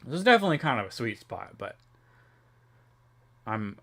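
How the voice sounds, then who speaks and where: A man's voice: medium pitch, very animated, normal speed, vocal fry, bright, forceful tone. Casual young man rambling on stream. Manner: rambling, filler-heavy, reads chat aloud. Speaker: livestreamer.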